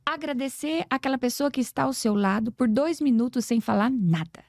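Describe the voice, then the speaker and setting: A woman's voice: sits high, expressive, moderate pace, a little mellow, no echo, studio quality. A Brazilian woman in her forties, an educator and podcast guest, telling stories earnestly and acting out conversations. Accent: Brazilian Portuguese. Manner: earnest, preachy, acts out dialogues. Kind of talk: emotional storytelling interview.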